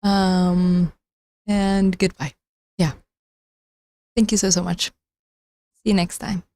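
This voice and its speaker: A young woman who isn't a native English speaker rambles casually on a phone livestream, restarting often and giggling a lot. Her voice sits on the low side, mellow and flat, and she speaks slowly. The recording is dry.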